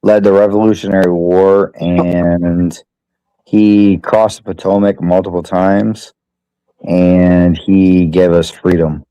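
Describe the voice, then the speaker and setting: A man's voice: low voice, little pitch movement, takes it slowly, dark tone, smooth, dry recording, highs cut off. A man in a casual online debate who speaks bluntly and offhandedly.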